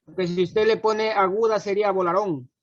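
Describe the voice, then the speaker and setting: A student answering the teacher from across the room. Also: male voice, sits high, moderate pace, lo-fi sound.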